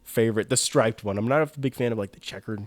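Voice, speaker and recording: A man's voice: on the low side, fast talker. A young man co-hosting a podcast, chatting casually about sports uniforms, eager, with many "like" fillers and restarts. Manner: enthusiastic, lots of "like" fillers and restarts. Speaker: podcast co-host.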